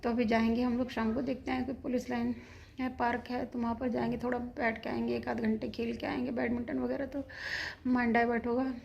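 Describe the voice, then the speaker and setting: Mom vlogger in her kitchen, kinda shaken and anxious, higher voice, pretty flat delivery. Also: fairly quick, vocal fry, highs cut off, slight background noise. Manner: shaken, retelling a scare at length, anxious. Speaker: vlogger, mother. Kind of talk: casual home vlog, talking to camera. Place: home kitchen, indoors.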